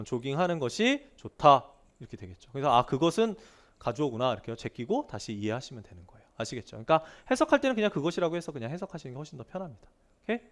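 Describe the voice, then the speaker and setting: A man teaches grammar in a fast, lively lecture. His voice sits a little high and swings widely in pitch. He keeps asking his students rhetorical questions and repeats key words to drive them home. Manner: animated, asks students frequent rhetorical questions.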